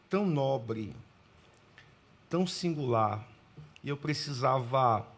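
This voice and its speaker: A man from Pernambuco speaks as a guest preacher in a church sanctuary. His voice sits at an ordinary middle pitch, and his delivery is formal and deliberate. He greets the congregation and reads scripture with measured pauses. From Pernambuco, Brazil. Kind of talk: sermon with scripture reading.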